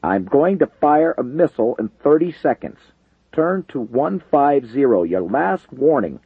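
A man's voice: medium pitch, very animated, unhurried, gravelly, slightly rough, no echo, voice pushed up, heavily acted. A man reading an audiobook voices a tense male fighter pilot calling over the radio in clipped call-sign talk. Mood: stern. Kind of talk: audiobook narration with character voices. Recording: tinny phone-like dry recording.

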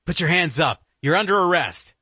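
A man voicing a dutiful young agent with a stiff, officious manner and a husky voice. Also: a little high, expressive, normal speed, pushed and bright, no echo, pitched above the performer's own voice, heavily acted. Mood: firm.

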